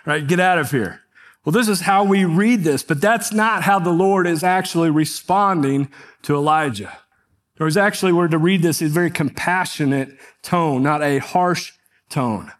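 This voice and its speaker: A man preaching with a slightly higher voice than most. He moves between reading scripture and casual, conversational commentary, asking his listeners questions as he goes. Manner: conversational, asks the congregation questions. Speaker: pastor. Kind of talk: sermon.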